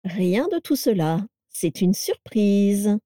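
A woman voicing a cheerful, self-assured elderly mother with a placid, gently mocking manner. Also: mid-range voice, a little slow, no echo, studio quality, natural voice. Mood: breezy.

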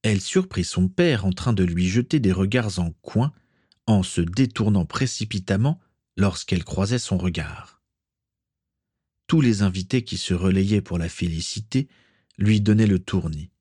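A man reading a story aloud as narrator, steady and measured. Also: low voice, breathy edge, no room sound, clean studio sound.

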